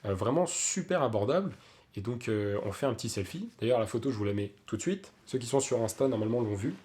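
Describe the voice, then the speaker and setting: A man's voice: medium pitch, expressive, quick pace, a little mellow. A young man tells a story to his vlog audience in a loose, chatty way. He fills the gaps with plenty of hesitations and restarts. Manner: chatty, many fillers and restarts. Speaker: vlogger.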